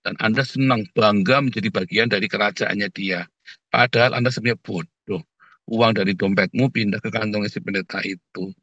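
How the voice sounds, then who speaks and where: A man's voice: fairly low pitch, fairly even intonation, fairly quick, fairly bright tone, no echo. A man preaching a sermon in a conversational way, often turning to his listeners and acting out quoted prayers. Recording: dull lo-fi sound.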